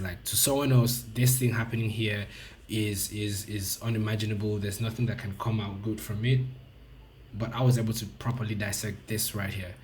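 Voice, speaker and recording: Guy going over his forex trades at his desk, low voice, chatty with lots of ums and restarts, faint hum behind. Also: darkish tone. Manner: loose and conversational, frequent fillers and restarts. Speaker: forex trading educator. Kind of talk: casual screen-recorded trade review.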